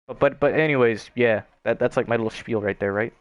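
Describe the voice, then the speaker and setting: A man's voice: medium pitch, brisk, no echo, lo-fi sound. A young man chatting casually on a gaming stream, rambling and swearing with lots of filler words.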